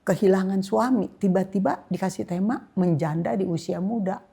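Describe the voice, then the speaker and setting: An older woman from Indonesia, a guest pastor, telling an emotional personal testimony, dropping to soft whispers and rising to loud outbursts. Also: mid-range voice, moderate pace, gravelly, husky. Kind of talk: personal testimony in a church podcast.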